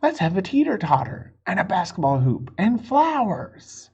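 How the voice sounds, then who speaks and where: A man's voice: high voice, very animated, normal speed, darkish tone, husky, muffled recording, pitched above the performer's own voice, heavily acted. A man voicing an eager, determined young child from a children's storybook.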